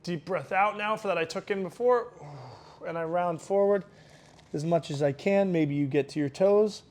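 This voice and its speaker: A man guiding exercises as a mobility instructor, explaining each step in a careful, unhurried way. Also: high-pitched, a little mellow.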